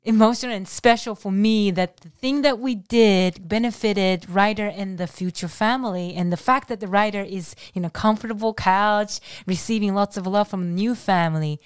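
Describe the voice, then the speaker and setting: Heartfelt, halting woman co-host. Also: medium pitch, clear, resonant tone, dry recording, clean studio sound. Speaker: dog trainer and co-host. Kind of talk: casual chat.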